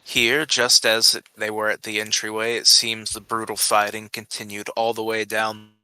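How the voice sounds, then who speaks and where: A man's voice: fairly low pitch, monotone, normal speed, pushed and bright, clear, resonant tone, low-quality recording. A man narrating a tabletop game as its game master.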